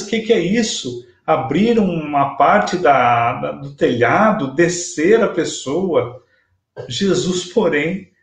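A Brazilian spiritist lecturer in his fifties gives a religious talk slowly and deliberately, his voice fairly high for a man and his Brazilian Portuguese accent clear. He retells the story with measured emphasis. The audio is picked up by a webcam at desk distance on a video call, in a small home room with noticeable echo.

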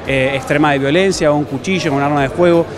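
Against a noisy background, an Argentine self-defense instructor in his thirties, from La Plata, gives quick, unscripted explanations into a reporter's handheld microphone. His fairly high voice keeps a fairly even intonation, and the setting is a big, busy gym hall indoors.

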